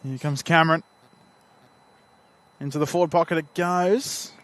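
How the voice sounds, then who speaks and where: Australian male colour commentator, higher voice, playful, bursts with energy on big plays. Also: moderate pace. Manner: joking, gets loud and excited on big tackles. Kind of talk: amateur football commentary.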